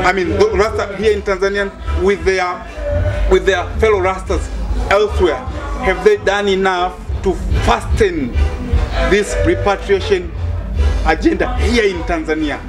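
Male interviewer, high-pitched voice, halting and deliberate, music playing behind. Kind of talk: conversational interview. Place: small room full of textiles and craft goods, indoors.

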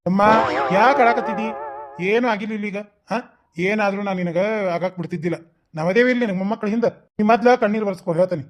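A man's voice: high-pitched, natural voice. A man voicing a coaxing, talkative village headman in a cartoon, with a North Karnataka Kannada accent. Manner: fast, coaxing, reassuring. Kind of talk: cartoon voice acting.

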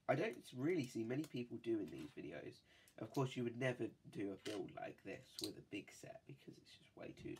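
Speaking on the low side, a man with a cold hosts a toy-building video, chatting and rambling with plenty of fillers as he builds a set at his desk indoors. There's a little hiss or hum in the audio.

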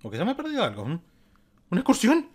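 Un hombre que pone la voz de una colegiala adolescente, atolondrada y fácil de alarmar, con exclamaciones agudas y chillonas. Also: male voice, huge pitch swings, very fast, slightly rough, heavily acted. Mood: puzzled. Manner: shrill exclamations. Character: flustered teenage schoolgirl, earnest and easily alarmed.

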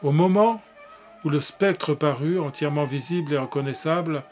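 A man narrating a classic tale in a measured way, with occasional slips and restarts. Faint music plays behind him. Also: a little high, darkish tone. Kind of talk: reading a classic tale aloud.

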